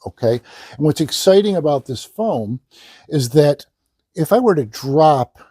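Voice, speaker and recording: A man's voice: a little high, animated, measured pace, darkish tone, breathy edge, dry recording, clean studio sound. A man presenting a product demonstration as a hard-sell ad, emphatically repeating selling points. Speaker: infomercial presenter and salesman. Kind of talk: sales pitch, product demonstration.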